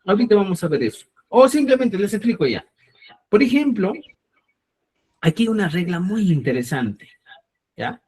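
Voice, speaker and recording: This man, a Quechua teacher, walks students slowly through a grammar lesson, often asking "¿ya?" and greeting them as "estimados amigos." His voice sits high and is very animated, darkish and husky.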